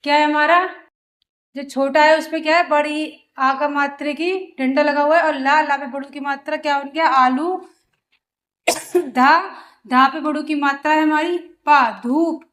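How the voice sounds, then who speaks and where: A woman with a high voice leads a slow reading lesson for children. She spells each syllable aloud before joining them into a word, and keeps asking the class questions as she goes. The pace is unhurried and deliberate. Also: steady tone, fairly bright tone. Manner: sounds out syllables, then blends them into words; asks rhetorical questions of the learners. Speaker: Hindi teacher.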